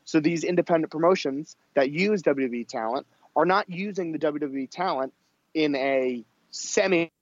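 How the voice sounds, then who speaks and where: A man's voice: fairly high pitch, moderate pace, lo-fi sound. A man giving an earnest, opinionated interview answer over a remote call whose audio keeps breaking up. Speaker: guest.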